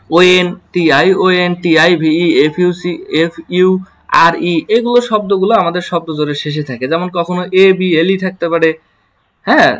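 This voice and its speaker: A man with a fairly high voice teaching English pronunciation in an online lesson. He breaks each word into letters and syllables, repeats it slowly, then asks his students what it makes and gives the answer himself. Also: fairly bright tone. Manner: slow, spells words letter by letter and repeats them.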